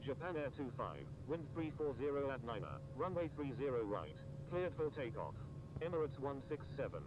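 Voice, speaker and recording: Man voicing flight game tower controller, formal phraseology, lively intonation, dull audio, loud vehicle noise. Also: mid-range voice, normal speed, lightly acted. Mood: procedural. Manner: formal, procedural. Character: male air traffic tower controller, brisk and procedural. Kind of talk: air traffic radio phraseology.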